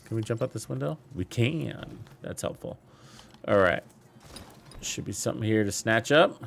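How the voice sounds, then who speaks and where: A man's voice: on the low side, animated, normal speed, gravelly, slight background noise. A man giving casual, chatty commentary while playing a shooter game and talking to his viewers. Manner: chatty, upbeat, talks to viewers. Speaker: gameplay streamer.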